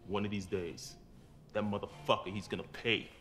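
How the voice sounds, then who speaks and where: An actor playing a menacing male gang boss in a video game cutscene, talking in slow, contemptuous street slang. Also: fairly low pitch, flat delivery, a bit bright, soft background music, lightly acted.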